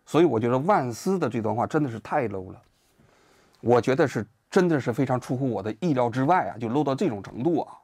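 A man's voice: mid-range voice, quick pace, husky, dry recording, studio quality. A man hosting his own political commentary show, talking casually and asking many rhetorical questions. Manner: animated, full of rhetorical questions.

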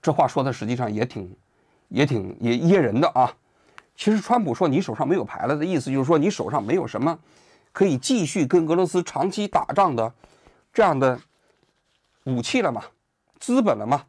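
A man's voice: medium pitch, fairly quick, slightly rough, no echo, clean studio sound. A man hosting his own political commentary show, talking casually and asking many rhetorical questions. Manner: animated, full of rhetorical questions.

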